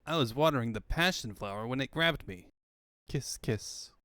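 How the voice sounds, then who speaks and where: A man's voice: mid-range voice, expressive, normal speed, fairly bright tone, no echo, studio quality, natural voice. A man voicing a cocky, laid-back young cartoon hedgehog hero who talks in breezy slang. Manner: breezy surfer-dude slang.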